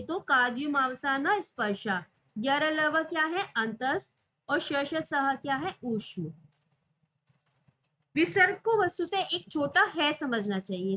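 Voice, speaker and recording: A woman with a high, bright voice teaches an exam-prep class. She poses questions and answers them herself, stretching out the example sounds. The recording is slightly dull and lo-fi. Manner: drawls example sounds slowly.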